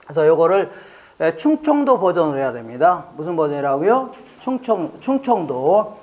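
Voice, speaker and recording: With a slightly high, sing-song voice at normal speed and a darkish tone, a Chungcheong man from Korea jokes his way through an exam prep lecture. He quizzes listeners with rhetorical questions he then answers, and repeats mnemonics playfully to drill them in.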